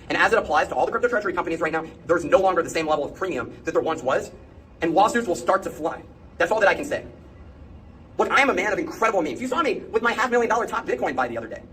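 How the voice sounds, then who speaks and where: Man on sped-up video playback, chipmunk pitch, very fast, indignant and emphatic. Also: a bit bright, slight background noise. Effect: sped-up playback, high chipmunk-like pitch. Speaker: crypto influencer. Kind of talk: ranting video commentary.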